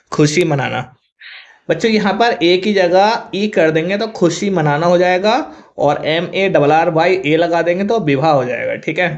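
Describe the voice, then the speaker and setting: Male teacher, Hindi accent, higher voice, spells words out slowly, dull lo-fi sound. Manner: spells words out letter by letter, often says 'thik hai'. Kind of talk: vocabulary lesson to students. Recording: dull lo-fi recording.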